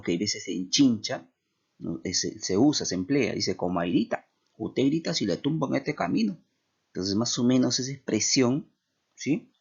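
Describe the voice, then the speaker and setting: Gravelly Peruvian teacher explaining to students. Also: male voice, mid-range voice, a little mellow. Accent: Peruvian Spanish. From Peru. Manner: explanatory, with many tag questions. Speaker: language teacher. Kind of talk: classroom lecture. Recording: dull lo-fi recording.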